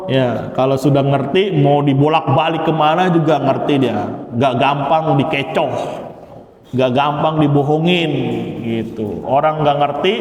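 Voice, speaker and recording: A high-pitched man gives an unhurried classroom lecture on grammar. He chants word patterns in a sing-song way and keeps asking his listeners questions. His voice rings through a large mosque hall with a long echo. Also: darkish tone. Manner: chants verb patterns in a sing-song rhythm, quizzes the audience. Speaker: Arabic grammar teacher. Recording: echoey reverberant mosque hall.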